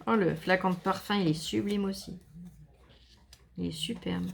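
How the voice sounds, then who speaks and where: A woman vlogger chatting casually to viewers while opening a scrapbooking parcel, gushing and enthusiastic with a slightly gravelly voice. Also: lowish voice, normal speed. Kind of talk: casual unboxing chat to viewers.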